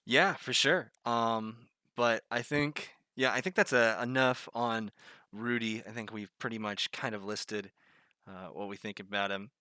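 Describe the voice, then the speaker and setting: A man's voice: lowish voice, measured pace, sharp tone, clear, resonant tone, dry recording, studio quality. A man with a Southern US accent hosting a casual panel talk, rambling with lots of fillers. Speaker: podcast host.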